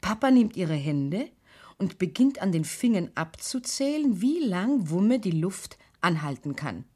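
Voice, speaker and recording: A woman narrating a children's radio play in a calm, clear storytelling manner. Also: lowish voice, unhurried.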